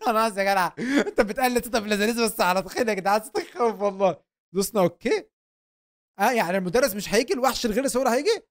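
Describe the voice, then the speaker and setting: A young man with an Egyptian Arabic accent giving excitable, joking let's-play commentary as a gaming host, talking to viewers. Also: sits high, rapid-fire.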